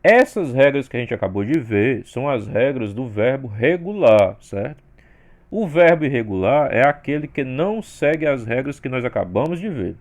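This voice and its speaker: A man from Brazil teaching an English grammar lesson, explaining the rules step by step and saying the sample words louder. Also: medium pitch, lively intonation, moderate pace.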